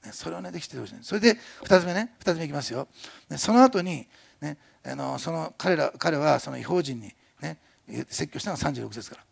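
Older pastor guy preaching, super gravelly rough voice, fast and chatty. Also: on the high side. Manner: chatty, animated, frequent tag questions and laughs. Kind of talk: sermon.

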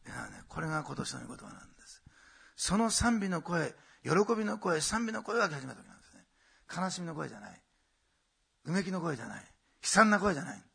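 A middle-aged male pastor preaching a sermon, swelling loud and emphatic, then dropping to quiet asides. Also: a little high, sing-song, fast talker, vocal fry, slightly rough.

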